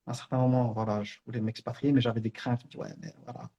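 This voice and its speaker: Middle-aged male teacher; fast, husky, earnest spiritual reminder. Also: medium pitch, level tone, dark tone, muffled recording. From Belgium, Brussels. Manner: earnest, conversational storytelling with many fillers. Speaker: online Islamic teacher.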